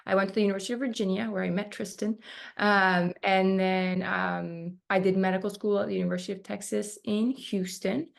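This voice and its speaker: A dermatology resident from Argentina, a woman in her twenties, talks casually in an interview, full of fillers. Her medium-pitched voice is creaky, fairly quick, and shows little pitch movement.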